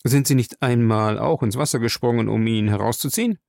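A man's voice: mid-range voice, brisk, creaky, darkish tone, dry recording, studio quality, natural voice. A man voicing a blunt, interrogating male police captain in an audiobook. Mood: stern.

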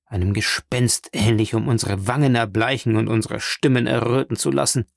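A man's voice: medium pitch, fairly even intonation, moderate pace, creaky, no room sound, clean studio sound, lightly acted. Man reading a grim, tormented prosecutor. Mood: somber. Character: grim, tormented male state prosecutor, older nobleman. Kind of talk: audiobook character reading.

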